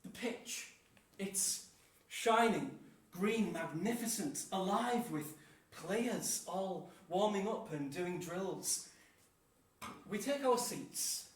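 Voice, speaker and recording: A young man, performing an animated one-man theatre monologue with dramatic pauses. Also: high-pitched, recorded from a distance. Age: 20s. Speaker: solo stage performer. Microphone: distant room mic. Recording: echoey room, voice from afar.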